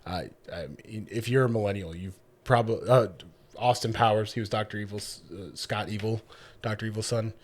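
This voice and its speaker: A man's voice: on the low side, fairly even intonation, a little fast. Rambling, profane male podcast co-host. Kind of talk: casual chat.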